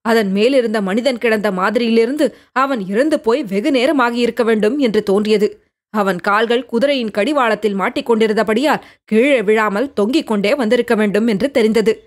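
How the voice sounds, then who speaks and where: A woman's voice: on the high side, brisk, lightly acted. A woman voicing a fierce, harsh-voiced female ascetic who lives in a cave, telling her tale with drama. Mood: recounting. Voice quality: harsh, hard voice.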